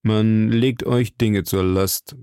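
A man voicing a powerful, scheming old cardinal who speaks slowly and probingly. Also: lowish voice, steady tone, warm tone, clear, resonant tone, no room sound, clean studio sound. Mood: stern. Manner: slow, measured, probing.

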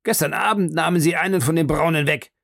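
A man voicing an angry middle-aged country gentleman who rants fast, in a broad West Country dialect. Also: on the high side, creaky, dry recording, studio quality, pitched above the performer's own voice. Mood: furious. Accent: broad West Country dialect (as told). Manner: furious, fast, shouting complaints.

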